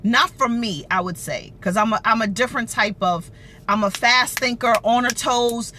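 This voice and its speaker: Female motivational livestreamer, higher-pitched and forceful, emphatic repetition, noisy rumbling livestream audio. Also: normal speed. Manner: emphatic, repeats phrases for effect. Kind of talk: informal motivational talk to live viewers.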